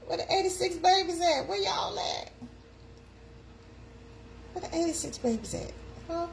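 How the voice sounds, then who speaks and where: A woman's voice: very high-pitched, lively intonation, a little slow, vocal fry, a little hiss or hum. A woman, hosting a casual live chat and calling out to her viewers. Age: 50s. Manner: chatty, calls out to viewers. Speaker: live stream host.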